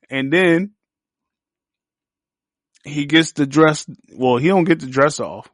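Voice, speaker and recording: A man's voice: on the high side, vocal fry, a bit bright, no room sound, studio quality. A young man hosting a podcast, reviewing a series in a crude, joking, slangy riff full of profanity. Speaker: podcast host.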